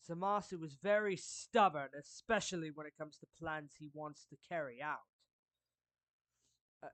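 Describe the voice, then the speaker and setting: A character voice actor performs an anime fan roleplay monologue aimed at the listener, playing a suave villain who has become a protective friend. The mid-pitched delivery is slow, formal and deliberate, lightly acted, with pauses mid-phrase. It's a dry, close recording without room sound.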